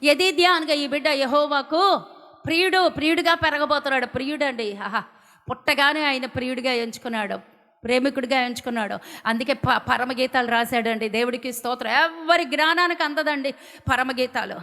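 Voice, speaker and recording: A woman preacher from India giving a fervent sermon, swinging from loud declarations to hushed, pleading lines. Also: sits high, a little fast. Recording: long hall reverb.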